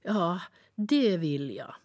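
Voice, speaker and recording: A woman's voice: lowish voice, very animated, darkish tone. A woman voicing a curious, frightened little boy as she reads a storybook aloud, asking eager questions. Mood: earnest. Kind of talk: storybook reading.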